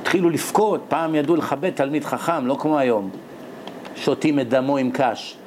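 A man giving a sermon, telling stories and acting out the characters in excited voices, with frequent laughter. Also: medium pitch, slight background noise. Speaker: rabbi giving a Torah lecture. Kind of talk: lively sermon with storytelling.

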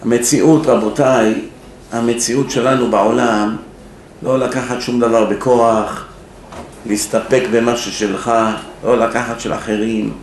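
A man's voice: medium pitch, little pitch movement. A rabbi giving a sermon at a yeshiva, telling stories, acting out the people in them and putting questions to his listeners. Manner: storytelling with acted-out quotes, asks the audience questions. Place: yeshiva hall. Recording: echoey room with faint noise.

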